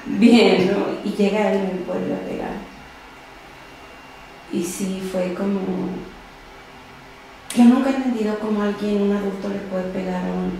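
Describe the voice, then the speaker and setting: A young adult woman, a podcast guest telling her own story in an interview, speaking softly and often trailing off quietly. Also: medium pitch, slight background noise. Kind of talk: personal testimony in an interview. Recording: very echoey room.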